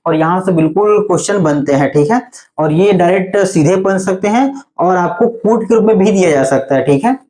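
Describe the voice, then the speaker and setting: A male teacher giving an online Hindi spelling class. He explains slowly and patiently, often stopping to ask whether it is clear. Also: high-pitched, darkish tone. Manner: explains patiently, often says "theek hai" to check in.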